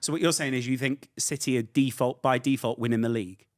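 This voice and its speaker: A man's voice: medium pitch, fairly even intonation, fast, a little mellow, no echo, clean studio sound. A man with an East Midlands English accent, a podcast guest chatting casually, opinionated and rambling with frequent restarts. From England. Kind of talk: casual chat.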